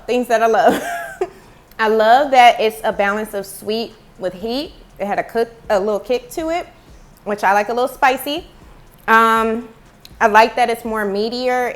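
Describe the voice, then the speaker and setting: A woman chatting casually to viewers in a food review vlog, recorded at home on earbud headphones. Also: medium pitch. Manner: chatty, talks to viewers as y'all. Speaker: food vlogger. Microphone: earbud headphone mic.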